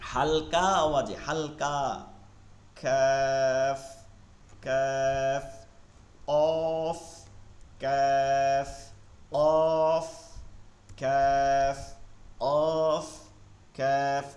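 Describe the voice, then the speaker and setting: A man teaches an online Quran pronunciation class. He is patient and repeats each letter sound again and again so learners can copy it. His voice sits fairly high, and the room around him rings with echo. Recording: echoey room.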